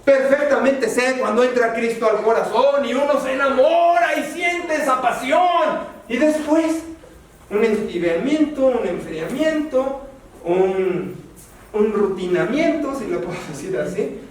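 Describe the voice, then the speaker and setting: Mexican pastor guy preaching, high voice, jumps up to shout then goes quiet, big echoey church from far off. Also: measured pace, a little hiss or hum. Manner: animated preaching, rising to exclaim and dropping low. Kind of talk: sermon. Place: church sanctuary. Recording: echoey church hall from a distance.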